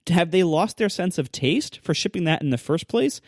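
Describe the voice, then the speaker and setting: A man's voice: a little high, expressive, moderate pace, no echo, clean studio sound. A man co-hosting a casual podcast, ranting with exasperation, full of fillers and short laughs. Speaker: podcast co-host. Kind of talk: casual tech podcast chat.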